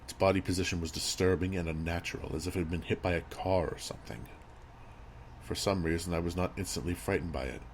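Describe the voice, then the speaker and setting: Very deep-voiced man narrating horror. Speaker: creepypasta narrator. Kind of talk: scripted horror story narration. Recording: audible background noise and ambience.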